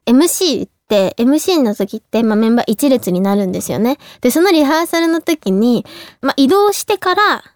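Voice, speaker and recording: A young woman chats as a radio host, fast and excitable. Her voice sits a little high. The studio sound is close and dry. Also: dry recording. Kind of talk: casual radio chat. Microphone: studio microphone.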